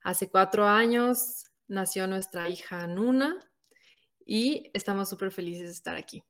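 A woman's voice: mid-range voice, unhurried. An Ecuadorian woman in her thirties, co-hosting a podcast in an earnest, thoughtful way and sometimes correcting herself. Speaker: podcast co-host. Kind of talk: casual podcast chat.

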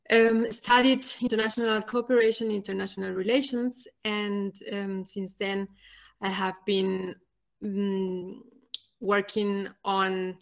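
A woman from Ecuador, earnestly introducing her podcast and pausing often to find her words. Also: mid-range voice. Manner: earnest, halting, many "um" pauses. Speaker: podcast co-host.

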